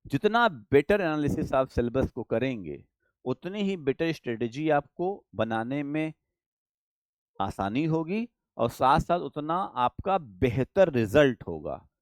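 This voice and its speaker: A man's voice: medium pitch, big pitch swings, slow pace, dry recording, studio quality. A man teaching exam strategy, talking emphatically and asking himself questions that he then answers. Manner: repetitive, emphatic, asks and answers own questions. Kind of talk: Hindi lecture, exam coaching.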